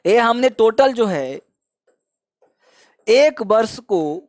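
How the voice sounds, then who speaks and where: A man's voice: extremely high pitch, lively intonation, extremely slow, dry recording, studio quality. A man teaching spoken English, repeating each word over and over and urging listeners to say it back, with encouraging praise. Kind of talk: pronunciation drill lesson.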